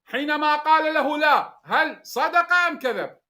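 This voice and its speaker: A man's voice: extremely high pitch, animated, normal speed, bright, forceful tone. A man, interrupting and demanding answers. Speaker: debater. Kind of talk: heated religious debate.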